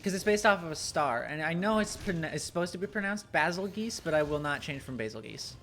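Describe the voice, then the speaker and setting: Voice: mid-range voice, animated, a little fast, fairly bright tone, slight background noise. A streamer chatting casually while playing, rambling with lots of ums and small laughs. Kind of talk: casual chat while gaming.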